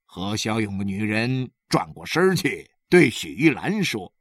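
A woman narrating a literary story in a measured, expressive storytelling manner. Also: extremely low pitch, dry recording, studio quality.

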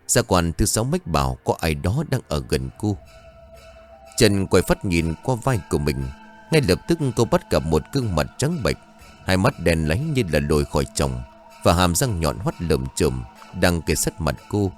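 Deep-voiced man reading a horror story. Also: big pitch swings. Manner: slow, suspenseful reading. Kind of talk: scripted horror narration. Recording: music bed behind the voice. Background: faint music.

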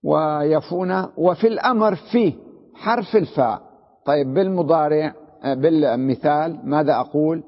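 A man's voice: on the high side, moderate pace. A man teaching an Arabic grammar lesson, explaining step by step, repeating examples and asking the class questions. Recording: dull, echoey hall recording.

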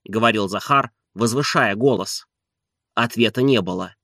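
A man reading a novel as an expressive audiobook narrator. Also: on the low side, normal speed, no echo, studio quality. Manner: expressive storytelling.

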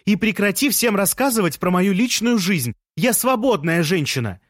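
Male narrator doing a raised-pitch commanding woman, storybook audio, dry sound. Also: animated, moderate pace, no echo. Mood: angry shouting. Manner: shrill commanding shouts. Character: bossy shouting woman, ex-wife, fiery.

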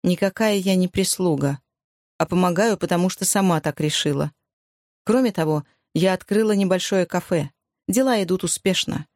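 A narrator, lightly acting, voices a firm young wartime wife who speaks calmly and steadily. The voice is mid-range at normal speed, in a dry recording with no room sound.

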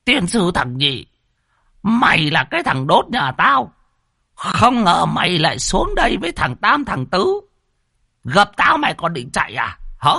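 A man voicing a hot-tempered old martial master who yells curses and threats. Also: high voice, wildly swooping pitch, a little slow, gravelly, husky, no room sound, studio quality, voice pushed up, exaggerated voice. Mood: furious shouting.

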